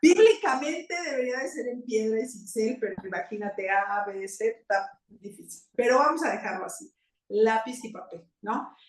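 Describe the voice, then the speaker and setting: A woman's voice: a little high, expressive, normal speed, far from the mic. Chatty Mexican woman in a roomy space. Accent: Mexican Spanish. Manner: chatty, many fillers and asides, rhetorical "¿no?". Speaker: guest biomagnetist. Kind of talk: casual talk-show explanation.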